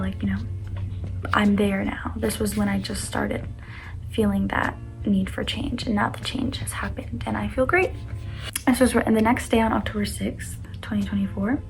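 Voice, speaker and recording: A woman's voice: mid-range voice, poor audio. A young adult woman reading personal poems aloud with casual commentary, in an earnest, vulnerable and slightly self-conscious way. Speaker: vlogger reading their own poetry.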